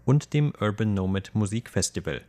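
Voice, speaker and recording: A man reading a translated voice-over in a steady, matter-of-fact way. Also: lowish voice, normal speed.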